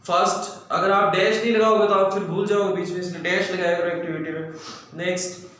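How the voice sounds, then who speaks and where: Brisk teacher in an echoey room. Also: male voice, high voice, level tone, fairly bright tone. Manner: brisk, repetitive number dictation. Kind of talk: mental math drill lesson. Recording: echoey room, faint ambient noise.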